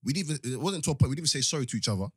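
Young male, London roadman accent, husky, rapid-fire casual slang. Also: mid-range voice, lively intonation, no echo. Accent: London, multicultural urban slang. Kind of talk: casual group chat.

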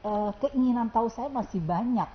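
A woman's voice: fairly high pitch, normal speed, lo-fi sound. A woman, telling a story as an interview guest and acting out what people said in different voices. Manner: lively, acts out quoted dialogue with shifting voices. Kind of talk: animated storytelling.

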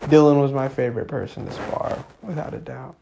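A man's voice: medium pitch, a little fast, creaky. A young man hosting a casual podcast chat with a friend, loose and profane, saying "bro" all the time. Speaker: podcast host. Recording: roomy echo, faint background noise.

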